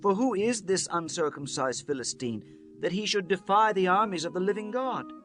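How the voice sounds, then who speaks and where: A man plays a fearless shepherd lad with a high, animated voice. He declaims earnestly in a biblical audio drama, with light music behind. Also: normal speed. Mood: indignant.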